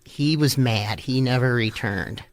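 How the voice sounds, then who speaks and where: Slow-talking, joking man, dry studio sound. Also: medium pitch, no echo. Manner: laid-back, joking storyteller with laughs. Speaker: podcast guest, rock musician. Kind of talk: casual interview chat.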